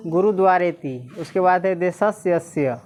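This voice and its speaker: A woman teacher, reading Sanskrit slowly syllable by syllable and quizzing the class again and again. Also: lowish voice, darkish tone. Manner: repeatedly quizzes listeners, slow syllable-by-syllable reading.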